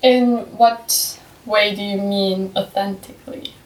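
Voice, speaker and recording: A woman's voice: medium pitch, steady tone, slow, far from the mic. A woman co-hosting a casual podcast chat, speaking in an earnest, reflective way. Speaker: podcast co-host. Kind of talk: casual round-table chat. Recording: roomy sound, a little off-mic.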